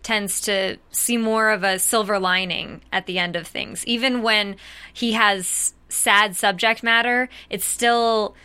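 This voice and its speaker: A chatty young woman co-hosts a casual TV recap show. Her voice is bright and crisp, with a smooth, resonant tone. She thinks aloud as she talks. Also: mid-range voice, steady tone, takes it slowly. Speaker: co-host.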